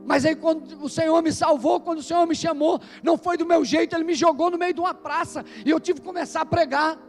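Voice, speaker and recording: High-voiced man preaching an emphatic sermon. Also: fairly even intonation, quick pace, faint music behind. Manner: emphatic preaching, calls out to the congregation. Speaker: pastor. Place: church service.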